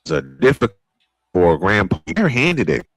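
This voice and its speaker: Calling a baseball game in classic play-by-play style, an older fan broadcaster announces pitches and counts and gets excited when plays are close. His voice has vocal fry, he talks at normal speed, and there's no echo.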